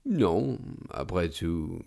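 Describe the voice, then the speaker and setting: A suave, mocking lodger, as a male narrator voices him, who speaks softly and deliberately in a low voice. His delivery is slow and unhurried, and it stays calm and ironic in a storybook reading. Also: exaggerated voice. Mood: smooth mocking. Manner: deliberately soft, smooth and ironic.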